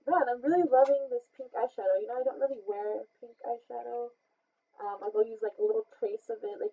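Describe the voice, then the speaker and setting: A young woman speaking through a face mask in a casual vlog update, hesitant, with lots of fillers and soft laughs. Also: on the high side, vocal fry, breathy edge. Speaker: content creator. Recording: tinny phone-like sound.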